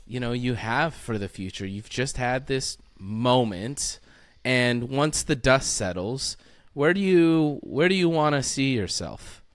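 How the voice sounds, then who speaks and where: A man's voice: medium pitch, expressive, unhurried, dry recording. A man hosting an interview, asking encouraging questions in a casual, friendly way. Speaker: interview host.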